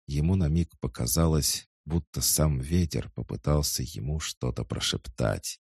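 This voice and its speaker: A man reading a dark action story aloud as dramatic narration, slow and intense, rising to shouts for the characters' lines. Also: rumbling low, gravelly, breathy edge, dry recording, studio quality.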